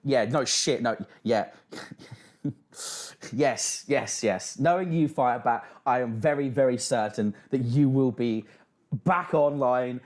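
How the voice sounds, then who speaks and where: A man's voice: medium pitch, slow pace, darkish tone. A British man hosting a casual livestream, reacting and reading out chat with sweary, mocking banter. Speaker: livestream host.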